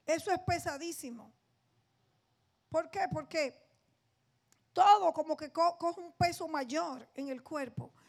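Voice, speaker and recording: Very high-voiced woman preaching. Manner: emphatic, addresses the congregation directly. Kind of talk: sermon. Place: church.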